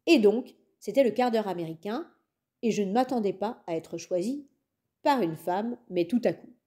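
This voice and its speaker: A woman reading a young-adult novel aloud as an audiobook, in calm, measured first-person narration. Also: medium pitch. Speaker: audiobook reader.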